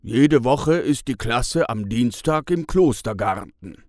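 A man's voice: medium pitch, lively intonation, slow, darkish tone, no room sound, clean studio sound. A man as a firm, matter-of-fact grown man. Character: calm adult male explainer, matter-of-fact.

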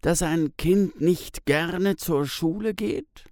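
A man voicing a troubled father who recalls a harsh childhood at school, with a halting, emotional delivery. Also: a little high, darkish tone, no echo, studio quality, pitched above the performer's own voice. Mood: pained. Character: troubled adult father haunted by school beatings.

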